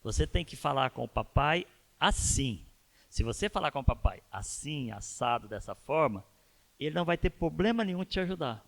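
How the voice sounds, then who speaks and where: A man's voice: on the high side, animated, moderate pace, vocal fry, fairly bright tone. A man, a pastor telling a personal story in a conversational church sermon and asking his listeners rhetorical questions. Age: 50s.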